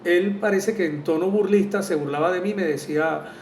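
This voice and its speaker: A man speaking as a spiritual therapist in a casual monologue, earnest and reflective, often pausing on "eh". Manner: earnest and reflective, with frequent "eh" hesitations. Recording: roomy echo from a distant mic, faint rumble.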